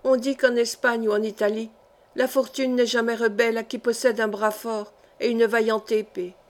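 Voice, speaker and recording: An anguished young nobleman pours out bitter, passionate pleas to his wife, as a woman narrator reads his part. The reading is lightly acted in a somewhat high voice. It is an audiobook of a historical novel. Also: little pitch movement, normal speed, natural voice.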